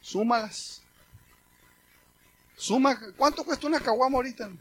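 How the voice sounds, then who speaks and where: This middle-aged preacher with a Mexican Spanish accent gives a sermon testimony, chatting through stories and animatedly quoting conversations. His voice is very high, his pace moderate, and there's slight background noise.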